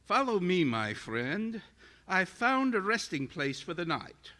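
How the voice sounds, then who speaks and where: An actor playing a ruthless, megalomaniac scientist turned tyrant in audio theater, grandiose and menacing. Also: male voice, high voice, sing-song, slow, sharp tone, full character voice. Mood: smug, scheming. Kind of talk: live audio theater performance.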